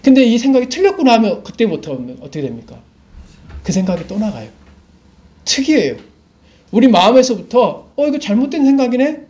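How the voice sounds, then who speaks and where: A man's voice: extremely high pitch, sing-song, brisk, mellow. A middle-aged man preaching a sermon as pastor. He asks the congregation questions and then answers them himself.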